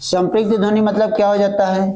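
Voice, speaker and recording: High-voiced, mellow male teacher drilling students. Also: flat delivery, a little hiss or hum. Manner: repeats each point with question-and-answer drilling; slow, halting delivery that restates fragments. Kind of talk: exam-prep grammar lecture.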